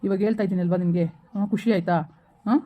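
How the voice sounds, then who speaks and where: A woman with a medium-pitched, steady, fairly everyday voice speaks quickly, playing a village husband in a rural skit. The character starts dismissive, then turns soothing, coaxing and reassuring his wife. The high frequencies of the recording are cut off.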